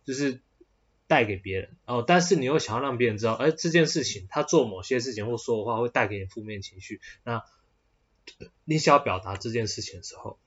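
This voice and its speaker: Taiwanese-accented male podcast host, mid-pitched and husky, talks in loose rambling bursts full of fillers, dull lo-fi sound. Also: fairly quick. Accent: Taiwanese Mandarin. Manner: rambling, with many hesitant fillers and restarts. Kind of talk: casual solo podcast talk.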